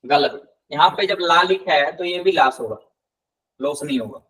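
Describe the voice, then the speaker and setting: A man teaching a live language class, patiently repeating words slowly and quizzing his students. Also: on the high side, lively intonation, a bit bright. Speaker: Spanish tutor. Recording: voice somewhat distant from the mic.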